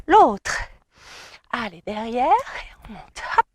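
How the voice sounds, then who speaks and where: A woman's voice: on the high side, big pitch swings, slow. A woman fitness coach guiding a cardio workout outdoors, giving encouraging, coaxing cues and counting down. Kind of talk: guided cardio workout instruction.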